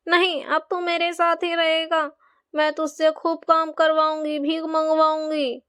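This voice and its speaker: A woman's voice: high voice, level tone, a little slow, fairly bright tone. A woman voicing a cruel old beggar woman who steals children and talks in a scolding, threatening way.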